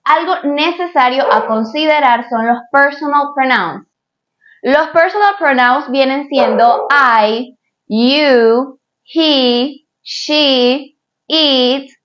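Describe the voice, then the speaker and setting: A woman with a fairly high voice gives an English grammar lesson for Spanish speakers. She is patient and keeps checking that the viewer is following. The recording sounds a little dull and lo-fi. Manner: patient, repeats points and checks with "¿ok?"; says English examples slowly, twice. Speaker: English teacher.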